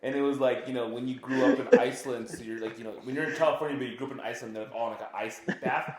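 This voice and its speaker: A man's voice: medium pitch, steady tone, rapid-fire, echoey room, a loud crowd. A young man co-hosting a casual podcast, telling stories in a rambling way and laughing often. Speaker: podcast co-host. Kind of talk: casual chat.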